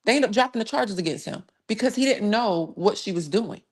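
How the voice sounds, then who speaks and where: A woman's voice: medium pitch, animated, fairly quick. A woman hosting a live true crime stream, giving blunt, emphatic case commentary in a casual way and stopping to thank viewers. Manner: blunt, emphatic, conversational with sighs and restarts.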